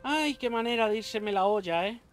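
A young man, doing let's play commentary, excitable and swearing often, yelping when attacked. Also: high voice, moderate pace, soft background music. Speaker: gaming YouTuber.

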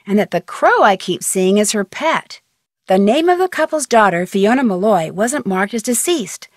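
A young American girl detective from a mystery video game speaks in a higher voice, chatty, curious and level-headed, with crisp diction and a wry edge. The voice acting is conversational phone-call dialogue, recorded dry and close with no room sound.

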